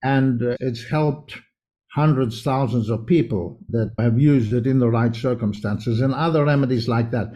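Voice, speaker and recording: Speaking at a normal speed, a South African homeopath raised in Israel answers interview questions conversationally in long, winding, earnest explanations. His voice is soft, dark and middle-pitched, and the recording has its highs cut off.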